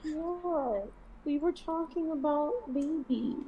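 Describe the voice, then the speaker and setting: A woman's voice: high voice, slow pace, highs cut off, noisy background. A woman playing a tabletop game over voice chat, chatting in a giggly, gushing way. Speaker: player.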